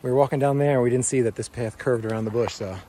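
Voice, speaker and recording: A man's voice: mid-range voice, steady tone, racing, dark tone, slight background noise. A man narrating his hike casually into a handheld camera outdoors, chatting and playfully scolding the animals around him. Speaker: hiking vlogger. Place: outdoors on an alpine pasture and trail.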